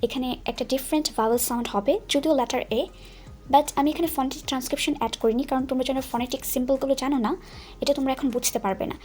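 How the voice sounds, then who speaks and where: A woman with a high voice teaches pronunciation in a patient, careful way. She says each word slowly and repeats it for her learners. Faint music plays behind her. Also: steady tone, darkish tone. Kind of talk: explanatory language lesson.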